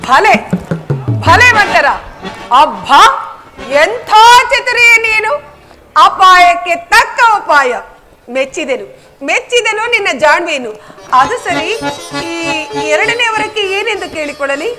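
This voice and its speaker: A proud royal mother, as a woman plays her declaims her lines in a village stage drama. The voice is very high and carries far, each phrase drawn out with feeling. Stage music plays behind her. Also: animated, slow, pauses often, full character voice. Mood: pondering. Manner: declamatory, emotional stage delivery. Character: proud, wavering young queen, mother. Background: stage music accompaniment.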